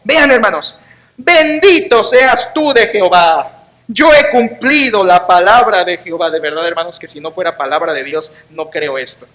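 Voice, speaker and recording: A man's voice: high-pitched, bright, forceful tone. A man preaching a sermon as pastor, emphatic and sarcastic, acting out the quotes, with a Mexican Spanish accent. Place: church.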